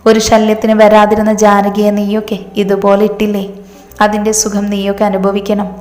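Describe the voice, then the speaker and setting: A woman's voice: mid-range voice, monotone, moderate pace, darkish tone, reverberant, long reverb tail, natural voice. A woman voicing a bitter, vengeful middle-aged mother who talks with scorn and grief, in a storybook reading. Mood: scornful grief.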